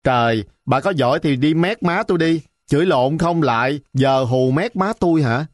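A man's voice: fairly high pitch, expressive, moderate pace, no room sound, clean studio sound, close to an everyday voice. A man voicing a skinny, hot-tempered young boy who talks back defiantly. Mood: mocking. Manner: defiant, mocking.

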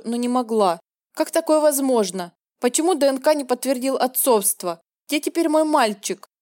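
A woman's voice: sits high, a little mellow, dry recording, clean studio sound. A woman narrating a romance audiobook in the first person with a tense, emotional reading.

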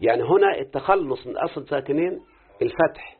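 Egyptian male teacher, brisk questioning delivery, husky, tinny phone-like audio. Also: a little high, animated. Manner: quick explaining, checking understanding with questions. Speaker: teacher of Quranic readings and grammar. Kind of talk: live lesson with a student.

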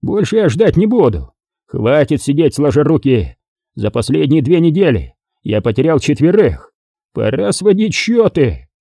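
A volatile, furious gang boss snarls and roars his threats, as a male narrator puts him on. The voice climbs well above the reader's own, husky and dark. It is a dry audiobook reading. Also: high voice, very animated, moderate pace, few pauses, dry recording, pitched above the performer's own voice, heavily acted. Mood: raging. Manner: snarling, yelling threats in bursts.

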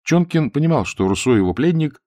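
A man narrating a humorous novel as an audiobook reader, telling it in a lively, expressive way. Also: a little high, fairly quick, dry recording, studio quality.

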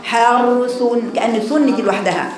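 A woman's voice: fairly high pitch, reverberant, crowd noise. Egyptian woman teaching Quran recitation. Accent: Egyptian Arabic. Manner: corrective, alternates quick Egyptian speech with slow chanted demonstrations. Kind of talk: correcting and modeling Quran recitation.

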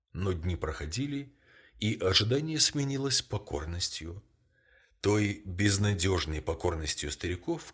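Low husky man reading a story. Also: pushed and bright. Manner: measured, somber storytelling. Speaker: narrator. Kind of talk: audiobook narration.

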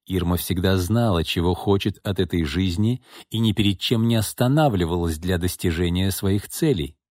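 A man reading a novel aloud as an audiobook narrator, in an expressive storytelling manner. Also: low voice, normal speed, dry recording, studio quality.

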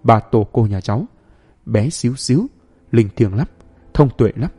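A man voicing a wise, stern old woman healer who speaks slowly and with command. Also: mid-range voice, expressive, warm tone, slightly rough, faint music behind. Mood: gentle.

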